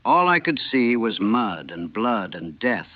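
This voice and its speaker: A man, a former army chaplain from the United States, recalling the war in a grave, measured and haunted way, heard on an old archival recording. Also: lowish voice, big pitch swings, dry recording. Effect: old archival recording, narrow and tinny. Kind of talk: solemn first-person recollection. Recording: tinny, dry, lo-fi old recording.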